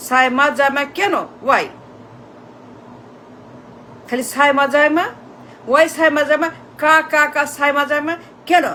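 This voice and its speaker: High-pitched woman going on a mocking political rant, slow and drawn out, faint hiss behind. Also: a bit bright, rough recording. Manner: repetitive, mocking, mixing in English phrases. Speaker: political commentator.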